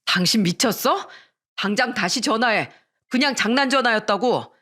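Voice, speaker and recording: A woman's voice: a little high, lively intonation, fairly bright tone. A woman voicing a defensive young husband who talks down to his wife, in a radio story reading. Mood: dismissive. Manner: dismissive, slow.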